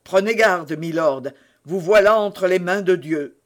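A man voicing a fervent young male zealot who grows loud and accusing as he speaks. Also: high voice, measured pace. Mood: vehement. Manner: intense, rising to loud declamation.

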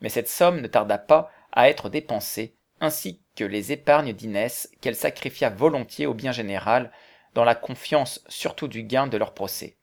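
A man narrating a classic novel in a measured, even reading voice. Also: medium pitch, vocal fry.

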